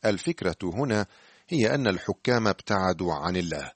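Deep-voiced man teaching scripture. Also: lively intonation, husky, no room sound. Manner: measured, earnest address to the listener. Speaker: Bible teacher. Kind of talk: scripted radio Bible teaching.

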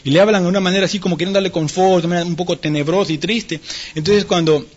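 A man pastor preaching a sermon, animated, acting out the people he quotes and laughing now and then. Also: high-pitched, racing, highs cut off.

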